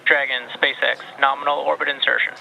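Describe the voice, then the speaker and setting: A man's voice: mid-range voice, a little fast, creaky. Man on a crackly mission radio loop. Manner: clipped, flat radio callouts. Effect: crackly air-to-ground radio loop. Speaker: mission control flight controller. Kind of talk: terse procedural callouts. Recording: noisy radio loop with crowd behind.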